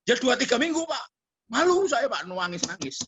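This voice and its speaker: A man's voice: moderate pace, pushed and bright, dull audio, slight background noise. A male pastor voicing a distraught young woman who pleads that she is ashamed. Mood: pleading. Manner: high, wailing and pleading.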